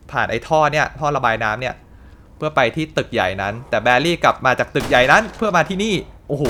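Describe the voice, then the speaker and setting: A man's voice: mid-range voice, sharp tone, slight background noise. Chatty man doing game commentary. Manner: chatty, exclaims at the action. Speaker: gaming channel host. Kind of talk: let's play commentary.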